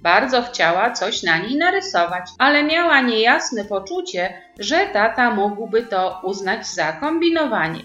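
Woman reading a children's story, animated. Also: a little high, a little slow, few pauses. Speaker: narrator. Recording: roomy, slightly dull, faint music.

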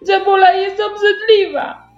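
A woman voicing a stubborn little girl with a cold, whining and protesting loudly. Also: high-pitched, sing-song, measured pace, pitched above the performer's own voice. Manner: whiny, protesting, shouting. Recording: roomy, dull sound with faint music.

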